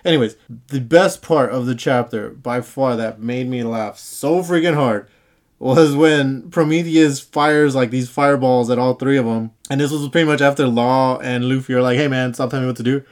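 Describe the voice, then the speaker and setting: A man hosting a casual, excited manga chapter review in slangy fan talk, often acting out the characters' lines. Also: medium pitch, normal speed.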